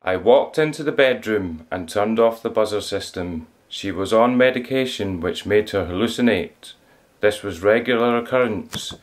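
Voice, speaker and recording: A man's voice: lowish voice, normal speed. A man, a care worker, recounting memories from work in a matter-of-fact way. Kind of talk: first-person story reading.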